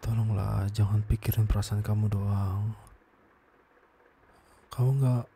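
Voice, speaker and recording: A young man plays a weary, wounded boyfriend in a whispered role-play. The voice sits low, with a dark, gravelly texture, and often sinks into a soft whisper. A faint ambient hiss runs underneath. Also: fairly even intonation, a little slow. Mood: tender, hurt. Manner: tired, exasperated, soft and low. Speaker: ASMR voice performer.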